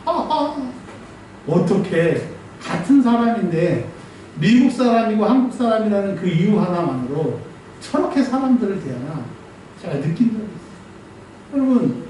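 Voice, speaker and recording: Animated male pastor, high voice, sermon in a big echoey church, mic at a distance. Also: moderate pace, a little hiss or hum. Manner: animated preaching, acting out voices and scolding, laughing often. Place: church sanctuary.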